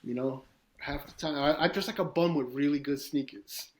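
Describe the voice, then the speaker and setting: A man's voice: a little high, normal speed. A man with a New York street accent, a guest artist talking in a casual podcast interview, rambling and swearing as he tells stories. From East New York, Brooklyn. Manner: profane, rambling, animated storytelling.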